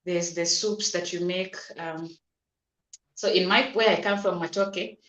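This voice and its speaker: A woman's voice: fairly low pitch, steady tone, unhurried, a bit bright. A woman doctor, patiently explaining health advice in an interview, often repeating words and restarting. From Kenya. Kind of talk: advisory interview answers. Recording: roomy echo.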